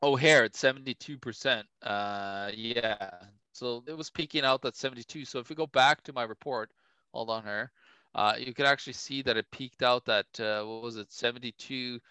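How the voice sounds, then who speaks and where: A man's voice: mid-range voice, normal speed, pushed and bright, clean tone, dry recording, muffled recording. A man co-hosting a casual podcast, chatty and full of "like" and "you know". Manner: chatty, heavy on "like" and "you know", laughs often. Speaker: co-host.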